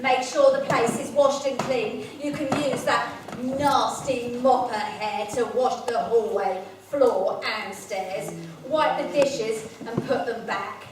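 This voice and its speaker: A woman's voice: fairly high pitch, steady tone, slow, few pauses. A woman playing a spiteful, bossy wicked stepmother in a camp rhyming stage pantomime, scolding theatrically. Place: stage in a large echoey venue. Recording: echoey noisy hall, distant mic.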